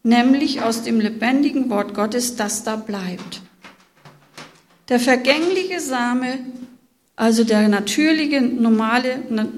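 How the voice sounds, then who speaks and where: A woman giving a sermon, telling a story expressively and reading Bible passages aloud to her listeners. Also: a little high. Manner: slow, expressive, speaks to listeners directly. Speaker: preacher.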